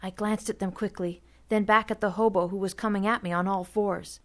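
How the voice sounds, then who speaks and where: A woman's voice: medium pitch, steady tone, a little fast. Woman narrating a story steadily. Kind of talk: audiobook narration.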